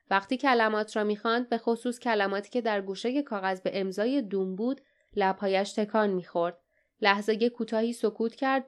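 A woman narrating an audiobook, reading the characters' dialogue with a livelier, raised voice. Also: smooth. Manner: reads dialogue with raised pitch and energy.

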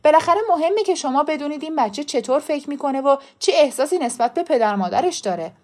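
Read by a woman, a school principal chooses his words with care, formal and apologetic. The voice is high for a man and stays close to the reader's own. It is told as a storybook reading. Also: animated. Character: polite, careful male school principal.

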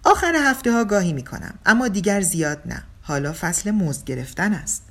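A woman's voice: fairly low pitch, sing-song, a bit bright, voice pushed up, heavily acted. A woman voicing a breezy young man. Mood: breezy joking. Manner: breezy, joking, self-mocking. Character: cheeky young male ex-surfer, easygoing and flippant. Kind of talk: audiobook character reading.

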